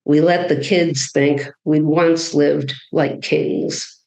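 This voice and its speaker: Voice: medium pitch, fairly even intonation, slow, vocal fry, a little mellow, roomy sound, low-quality recording. A poet voicing a stern old immigrant great-grandmother with a German accent, telling her story bluntly and wryly.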